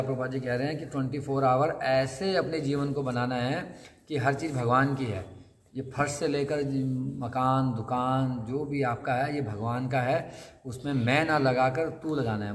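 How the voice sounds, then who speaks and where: A man leads a scripture class in a temple hall, his sermon chatty as he questions the audience and performs the quotes he cites. He speaks at an ordinary pace in a mid-range voice with fairly steady intonation. The audio has a long hall reverb and slight noise.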